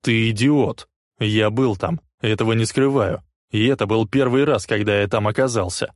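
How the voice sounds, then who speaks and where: A man voicing an angry, defiant male suspect who talks in a gruff, barking way. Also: mid-range voice, slow pace, dry recording, clean studio sound, pitched above the performer's own voice.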